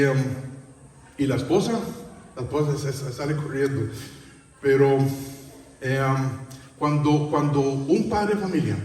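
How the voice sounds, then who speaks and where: A man preaches from the pulpit, his voice sitting a little high for a man. He halts often, restarting phrases and tagging questions onto his sentences. The sound is caught from a distance in a long, echoing church hall with faint room noise. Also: darkish tone. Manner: halting, many fillers and repeated tag questions. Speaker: pastor. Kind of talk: sermon. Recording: echoey church hall from far off.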